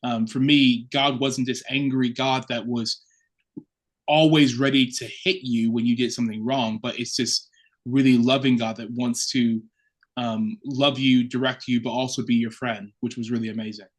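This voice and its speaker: This Chicago man talks at a moderate pace in a mid-range voice with fairly even intonation. Appearing as a podcast guest, the assistant curate shares his story in an open, thoughtful way, as relaxed as casual conversation.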